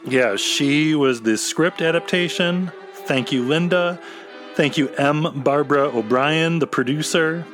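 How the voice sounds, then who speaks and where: A man's voice: fairly high pitch, measured pace, music in the background. A man chatting casually as co-host of a fan podcast.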